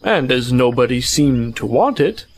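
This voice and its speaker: A man's voice: mid-range voice, very animated, unhurried. A man voicing a pompous, long-winded old male owl in an amateur family audio drama. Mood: proud. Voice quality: fussy, long-winded, self-important.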